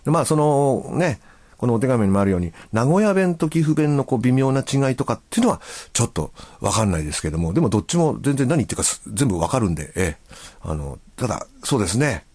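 A man's voice: mid-range voice, very animated, quick pace, darkish tone, husky, no echo. A male radio host chatting casually and reading listener letters, with a chatty, easygoing manner and frequent filler words.

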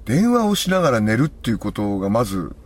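Husky-voiced male radio co-host. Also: on the low side, fast talker. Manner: warm lively banter, reads listener letters. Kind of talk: casual radio chat.

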